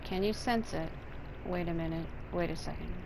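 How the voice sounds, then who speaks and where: A woman with a fairly low, gravelly voice talks at a moderate pace while playing a video game, doing a let's play. She reads choices aloud and gives casual commentary in a blunt, sarcastic manner. Game music plays behind her, and the background is noisy.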